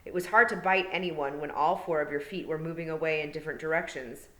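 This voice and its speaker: Low-voiced woman reading a storybook aloud. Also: fast, pushed and bright. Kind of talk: storybook read-aloud narration. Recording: roomy, echoey room.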